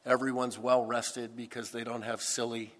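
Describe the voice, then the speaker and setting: A pastor preaching a sermon into a pulpit microphone, with a deliberate, emphatic delivery. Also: male voice, mid-range voice, little pitch movement, fairly bright tone. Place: church sanctuary. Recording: long church hall reverb.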